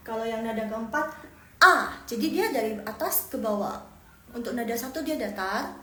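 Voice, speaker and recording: A woman's voice: a little high, fairly quick. A woman teaching Mandarin pronunciation in a live online lesson, chatty, repeating syllables and tones and correcting herself as she goes. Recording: echoey room with faint background noise.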